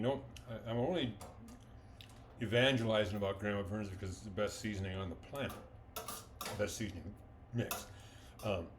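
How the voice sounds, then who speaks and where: A man's voice: mid-range voice, slight background noise. A man giving a folksy, enthusiastic cooking demonstration in a home kitchen, talking with his mouth full as he eats.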